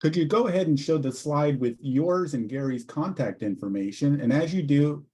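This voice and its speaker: A man's voice: fairly high pitch, lively intonation, moderate pace, mellow, slightly rough. A man hosting and moderating a webinar over a video call, easygoing as he wraps up the session. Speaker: host, communication director.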